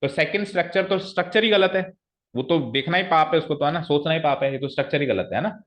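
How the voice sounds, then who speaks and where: Male teacher, classroom grammar lesson, bright tone, explains and asks questions. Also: on the high side, fast.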